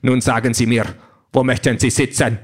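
A man voicing a small, mustached male android doorman with a rasping, absurdly overemphasized voice, speaking in stiff, deliberate phrases for an audiobook. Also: medium pitch, level tone, lightly acted. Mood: stiff, mock-polite. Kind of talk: audiobook character voice.

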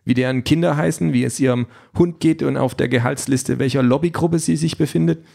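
A man voicing a blunt, sharp-tongued woman campaign manager who talks briskly and swears, in an audiobook. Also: fairly high pitch, gravelly, voice pushed up.

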